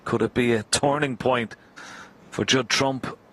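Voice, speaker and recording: A man giving live snooker commentary in a hushed, understated way. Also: medium pitch, steady tone, measured pace. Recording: crowd ambience and background noise.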